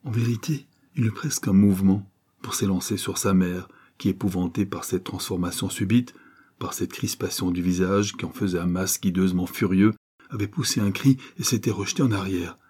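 Low, husky male audiobook narrator. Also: a little fast, darkish tone. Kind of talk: scripted narration of a novel.

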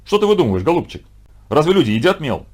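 A man voicing a stern, fussy older male math teacher who scolds and booms, in a storybook reading. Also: very animated, fast, darkish tone. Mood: booming. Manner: scolding, booming.

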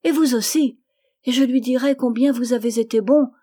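A woman voicing a trusting, cheerful little girl of about five in an audiobook, in a high, lively childlike voice. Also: moderate pace, close to an everyday voice. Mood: joyful. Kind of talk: audiobook reading.

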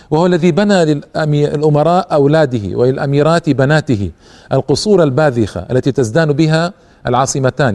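A man's voice: a little high, darkish tone. A man presenting a history lecture in formal Standard Arabic, in a didactic manner that speaks straight to the listener. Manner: didactic, addresses listeners with rhetorical questions and asides. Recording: long hall-like reverb.

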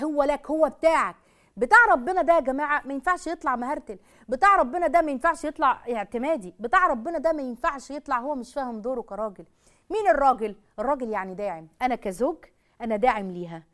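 Woman, Egyptian accent, religious lecturer, high-pitched, very fast, animated, rhetorical questions. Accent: Egyptian Arabic. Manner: animated, rhetorical questions, addresses audience directly. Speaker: Islamic lecturer. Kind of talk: religious talk on marriage.

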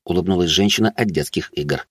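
A man narrating a first-person fantasy audiobook in a low-key, wry way. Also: fairly quick, fairly bright tone, slightly rough, no echo, studio quality.

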